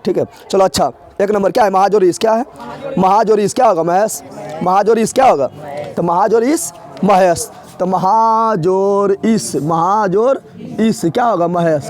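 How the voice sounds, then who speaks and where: A young man runs an exam-prep grammar lesson. His voice sits high for a man, and he keeps firing questions at his students and answering them himself, over and over, like a drill. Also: quick pace, darkish tone. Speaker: teacher.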